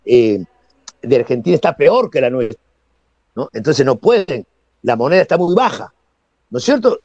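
Lively, high-voiced Peruvian man, mocking. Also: no room sound. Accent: Peruvian Spanish. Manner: interrupting, mocking, argumentative. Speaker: sports panelist. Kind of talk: heated studio debate. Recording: dry, dull lo-fi audio.

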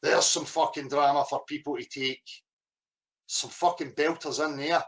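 A man with a notably high-pitched voice unloads an angry rant straight to camera. He is heated and confrontational, and he swears in nearly every line. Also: steady tone, normal speed, a bit bright, poor audio. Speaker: vlogger.

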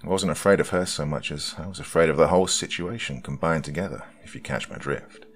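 A man with an extremely deep, gravelly voice reads a first-person horror story aloud. His delivery is slow and hushed, close to the mic, with faint music playing underneath. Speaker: narrator. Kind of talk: scripted horror story narration.

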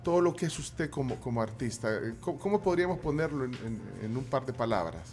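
A man hosting a radio interview, talking haltingly with many restarts in a studio. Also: medium pitch, animated, a little mellow, soft background music. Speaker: radio host. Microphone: studio microphone with headphones.

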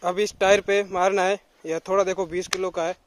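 A man's voice: high voice, level tone, brisk. A man giving short live commentary as each workout challenge is done outdoors. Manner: short announcing remarks. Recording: outdoor recording with clear background noise.

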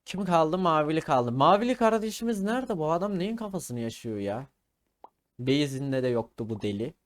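A man's voice: on the high side, very animated, normal speed. Playful trash-talking man gaming. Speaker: gaming video creator. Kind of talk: casual gaming commentary.

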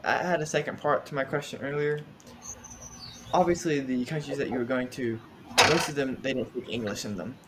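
A young man co-hosts a podcast and asks his guest questions in a polite, easygoing way. His voice sits at an ordinary middle pitch for a man. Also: fairly quick, very noisy. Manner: polite, brief acknowledgments. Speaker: podcast co-host. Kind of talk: interview questions.

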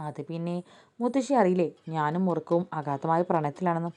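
A woman voicing a playful, cheeky young girl in a storybook reading, calling out in a shrill, teasing way. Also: expressive, brisk, warm tone, natural voice.

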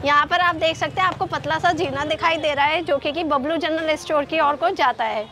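Bright high-voiced young woman vlogger. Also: brisk. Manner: upbeat presenter addressing viewers. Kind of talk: market tour vlog. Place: busy market street and small shop. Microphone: clip-on lapel mic.

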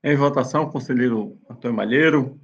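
A man, the court president, chairing a virtual session with brisk, formal procedural calls over a video call. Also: mid-range voice, muffled recording.

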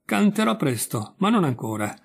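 A man voicing a stern, steady male hunting dog that calmly insists in a storybook reading. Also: on the high side, moderate pace, vocal fry, husky, pitched above the performer's own voice, exaggerated voice. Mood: firm.

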